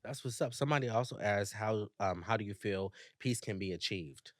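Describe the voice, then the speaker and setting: A man's voice: on the low side, a little fast, no room sound, studio quality. A man co-hosting a podcast who reads out listener questions and laughs easily. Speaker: podcast co-host. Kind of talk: casual chat.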